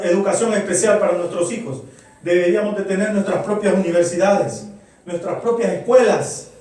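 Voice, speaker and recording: A man's voice: high voice, a little mellow. A middle-aged man preaching a sermon to his congregation, earnest and full of rhetorical questions. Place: church. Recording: very echoey church, voice far from mic.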